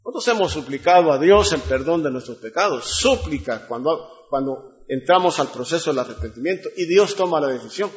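A man's voice: a little high, lively intonation, brisk, highs cut off. A man preaching a sermon, reading scripture and asking the congregation rhetorical questions.

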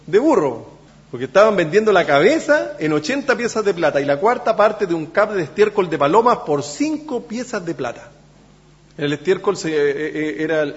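A man preaching a sermon in a church, halting with many fillers and restarts, then pressing points with emphasis. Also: sits high. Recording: echoey church hall, dull sound.

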